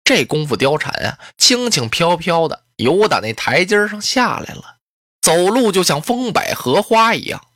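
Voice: medium pitch, sing-song, moderate pace, a bit bright, no echo, studio quality. A storyteller in traditional Chinese style who tells the tale vividly, with spoken sound effects and playful asides.

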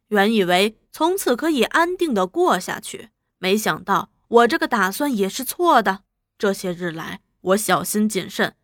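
A woman voicing a frightened male prisoner who talks to himself in a quiet, brooding way. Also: medium pitch, no room sound, clean studio sound. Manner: quiet, brooding inner monologue.

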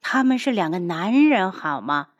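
A woman narrating a novel aloud in an expressive storytelling manner. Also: mid-range voice, moderate pace, highs cut off. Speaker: audiobook narrator.

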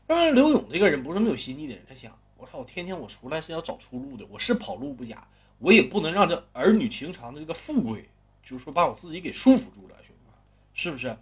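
A man's voice: mid-range voice, fairly bright tone, husky. A man telling a crime story casually, coarse and swearing, talking to listeners as brothers.

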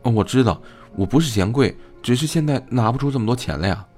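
A man's voice: medium pitch, lively intonation, fast talker, darkish tone, faint music behind, pitched above the performer's own voice, natural voice. A man doing an awkward, earnest young man. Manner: hesitant and embarrassed.

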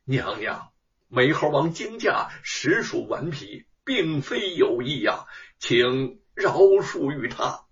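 A male storyteller voicing a proud scholar who pleads and shouts in defense of his monkey. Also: fairly high pitch, very animated, slow, muffled recording, full character voice. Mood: pleading. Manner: loud, pleading then defiant.

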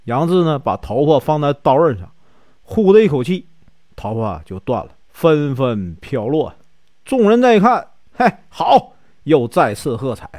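Northeastern guy yarning an old tale, chatty, keeps asking himself questions, slightly high voice. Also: sing-song, measured pace, darkish tone, no room sound, clean studio sound. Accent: Northeastern Mandarin. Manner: chatty, asks and answers own questions. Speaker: storyteller. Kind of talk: casual storytelling.

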